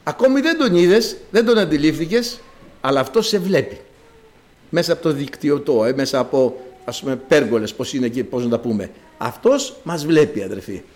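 A man's voice: fairly high pitch, expressive, darkish tone. A man preaching a sermon, emphatic and repetitive, reading scripture passages aloud. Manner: emphatic, repeats phrases, reads scripture in archaic Greek.

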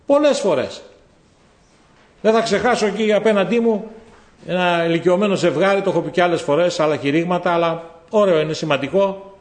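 Preacher with lively, ringing delivery. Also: male voice. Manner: storytelling, swings between loud exhortation and low quiet asides. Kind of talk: sermon. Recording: echoey hall.

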